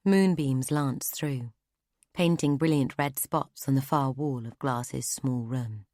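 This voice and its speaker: A woman narrating a fantasy audiobook in a steady, measured reading on a close studio mic. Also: extremely low pitch, no room sound. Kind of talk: scripted narration.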